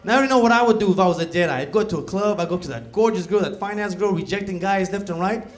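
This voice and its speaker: A man's voice: high voice, racing. A man performing a stand-up comedy set on a club stage, telling stories with acted quotes. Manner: animated storytelling with acted quotes. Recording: noisy live club recording.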